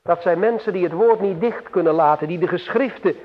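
A man preaching a sermon slowly and solemnly, with emphatic swells and long pauses. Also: high voice. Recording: tinny phone-like radio broadcast with long hall reverb.

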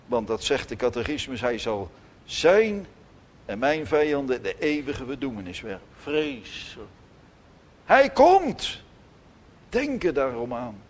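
A man preaching a sermon in church, emphatic, with sudden loud declarations and soft, gentle asides. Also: mid-range voice, animated, normal speed. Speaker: pastor.

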